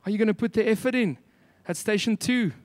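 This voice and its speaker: A man's voice: high voice, a little fast, a little mellow, no room sound. A man with a South African Afrikaans accent preaching a sermon, emphatic, with repeated phrases and rhetorical questions.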